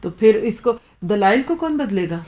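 A woman's voice: mid-range voice, very animated, a little mellow. A woman giving a parenting talk, explaining with homely examples and mixing in English phrases. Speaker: parenting speaker.

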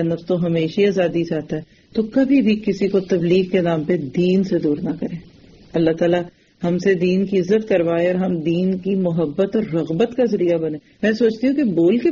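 A woman's voice: lowish voice, dark tone, muffled recording, a little hiss or hum. A woman giving a religious lecture in an earnest, direct way, often putting rhetorical questions to her listeners. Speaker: religious teacher.

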